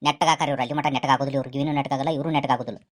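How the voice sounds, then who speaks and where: A woman's voice: rumbling low, steady tone, very fast. A woman with a North Karnataka accent playing an exasperated, henpecked husband in a comedy skit, grumbling and threatening. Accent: North Karnataka Kannada.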